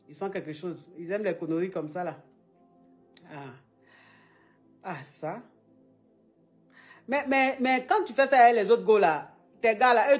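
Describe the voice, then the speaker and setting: A woman coaches a caller in an easygoing advice chat. She is animated and teasing, loops back over her own phrases, and drops street slang into her talk. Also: fairly low pitch. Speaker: advice show host, relationship coach.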